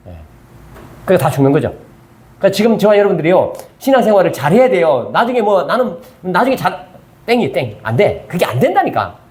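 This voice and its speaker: A man's voice: sits high, very animated, a little fast, darkish tone. An older man, a pastor with a Gyeongsang accent, teaching a Bible study sermon at church and constantly checking in with his listeners through rhetorical questions. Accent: Gyeongsang Korean. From Gyeongsang region, South Korea. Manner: keeps prodding listeners with rhetorical check-ins.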